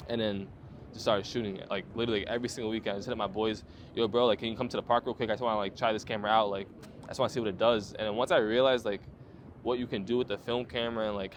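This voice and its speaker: Slight background noise sits under this lowish male voice. He's a twenty-something photographer guest recounting his story casually, packed with slang, filler words and profanity.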